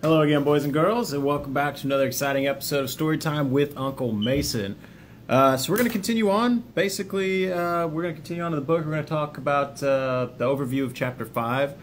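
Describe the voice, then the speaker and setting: An army veteran hosts an informal self-help video, speaking plainly and folksily straight to viewers, with the odd joke, and partly reading from a book overview. His voice is a little high and he talks fast. There's a slight hiss or hum in the audio.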